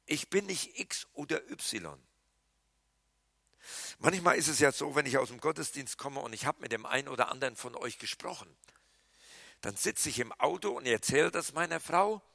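A man preaching a sermon as pastor, animated, with loud emphatic lines that drop to hushed quiet passages. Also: medium pitch, moderate pace, vocal fry, no room sound.

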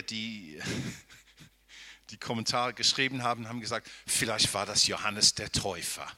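Slow, very bright-voiced male preacher. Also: medium pitch. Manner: asks the audience rhetorical questions, checks in with "ja?"; thinks aloud, with restarts and hedging. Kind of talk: sermon, Bible teaching.

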